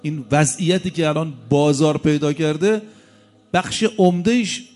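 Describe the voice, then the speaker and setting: A man's voice: on the high side, a little mellow. A man in his fifties preaching a sermon, telling stories with colloquial asides and rhetorical questions.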